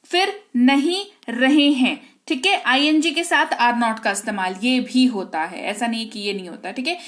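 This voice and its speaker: A woman teaching English grammar in Hindi. She explains each rule, reads the English example sentences slowly and clearly, and keeps checking in with her students. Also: high-pitched. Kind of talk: Hindi-medium grammar lesson.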